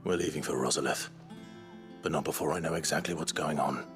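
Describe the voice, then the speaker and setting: A grave video game lord with an extremely deep voice. He is terse and determined, with guitar music softly behind him. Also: brisk. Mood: resolute. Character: grave, resolute young lord. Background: game music with plucked guitar.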